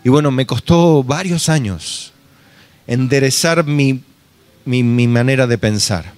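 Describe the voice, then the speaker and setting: A man's voice: medium pitch, measured pace, darkish tone. A male pastor with an Argentine accent giving an earnest sermon and often calling his listeners brother. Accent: Argentine Spanish.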